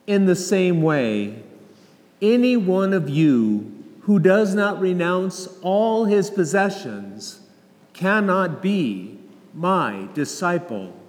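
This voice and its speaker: A man gives a formal, solemn Gospel reading as a clergyman, measured and deliberate, with a cathedral echo. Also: high voice, big pitch swings. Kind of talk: formal liturgical scripture reading. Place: large reverberant church.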